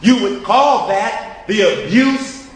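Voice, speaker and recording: A man with a high voice preaches in an emphatic, rhythmic cadence, stacking repeated phrases as he addresses his listeners directly. He takes his time, letting each line land. The sound is heavy with echo, as if captured in a large hall with a long tail of reverb. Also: expressive, slow pace. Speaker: teacher and ministry student giving an address.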